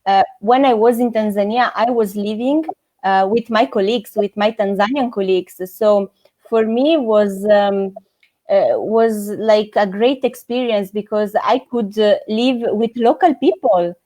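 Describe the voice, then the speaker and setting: A woman's voice: medium pitch, a little slow, dark tone. A woman, answering interview questions thoughtfully and searching for words with many fillers and restarts. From Italy. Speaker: interviewee, former NGO volunteer.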